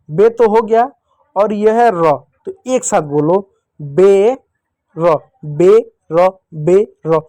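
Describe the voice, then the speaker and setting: A man's voice: high-pitched, a little mellow, dry recording. A man teaching young children to read, patiently sounding out syllables and asking them to repeat. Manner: patient, repeats syllables slowly and asks questions back. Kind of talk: children's Hindi reading lesson.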